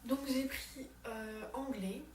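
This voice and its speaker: A woman's voice: fairly high pitch, fairly even intonation, takes it slowly, slight background noise. A young woman in her late teens vlogging casually about her exchange year, chatty with lots of fillers and restarts. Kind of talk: casual chat to camera. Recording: roomy, distant mic, background music.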